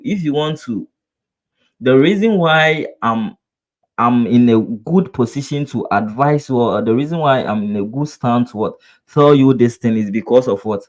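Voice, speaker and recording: A Ghanaian man with a Ghanaian English accent teaches trading in a live webinar, repeating himself and tossing out rhetorical "what?" questions. His mid-range voice has lively intonation at a normal speed. As a trading instructor, he addresses viewers in an earnest, coaching way.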